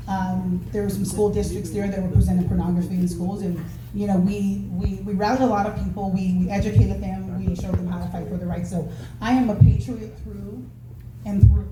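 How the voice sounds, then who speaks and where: A woman from Nevada giving an earnest, rambling public comment at a community meeting, with many fillers. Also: mid-range voice. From Nevada, USA. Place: meeting hall. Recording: echoey hall, far from mic, noisy.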